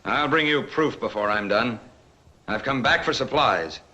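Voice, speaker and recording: An actor playing a blunt, resolute young sea captain in a 1940s swashbuckler film, clipped and commanding. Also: male voice, mid-range voice, animated, a little slow, pushed and bright, low-quality recording. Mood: blunt, grim. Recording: 1940s film soundtrack, music behind.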